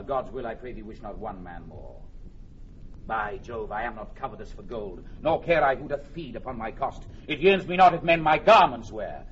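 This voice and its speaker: King Henry the Fifth, forceful and rousing. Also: on the high side. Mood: firm, measured, then proud, rousing. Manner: declamatory, swings from hushed to ringing oratory. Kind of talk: classical Shakespearean stage-style acting. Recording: dull band-limited drama recording, background noise.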